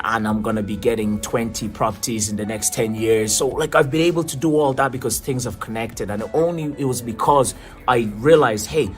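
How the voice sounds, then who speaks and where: Rambling man from Tanzania. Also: mid-range voice. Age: 30s. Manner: rambling, many fillers and restarts. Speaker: vlogger and marketing coach. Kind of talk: casual vlog monologue.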